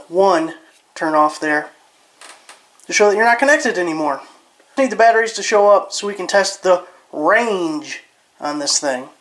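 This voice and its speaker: Here the reviewer's voice sits high with a fairly bright tone. Filming indoors around a house from behind the camera, he gives an informal, casual hands-on test narration with a self-deprecating manner.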